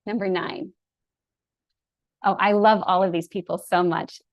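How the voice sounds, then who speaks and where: A woman's voice: lowish voice, fairly even intonation, measured pace, dry recording. A woman presenter telling stories in a lecture, earnest and openly enthusiastic about the people she describes. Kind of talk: storytelling lecture.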